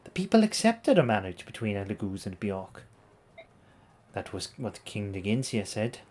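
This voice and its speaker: A man's voice: fairly low pitch, very animated, normal speed, a little mellow, husky. A man streaming a game, reading its story dialogue aloud in a playful, dramatic way with casual asides.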